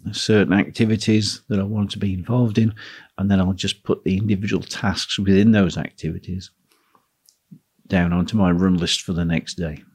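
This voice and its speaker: A man hosting a solo talk on running a teaching business, speaking in a relaxed, musing way. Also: low voice, normal speed, breathy edge. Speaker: podcast host, guitar teacher.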